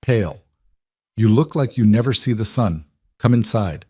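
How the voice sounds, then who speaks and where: A man voicing a tiny, sharp elderly Italian mother who speaks in clipped, blunt, disapproving lines, with an Italian accent. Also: lowish voice, expressive, moderate pace, slightly rough, no echo, studio quality. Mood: stern.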